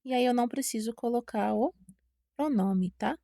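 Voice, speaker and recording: Brazilian woman, teacher, slow patient delivery, slightly high, gravelly, dry close sound. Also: dark tone, no room sound. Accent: Brazilian Portuguese. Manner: patient, repeats words slowly, checks with "tá?". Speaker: Spanish teacher. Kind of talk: online language lesson.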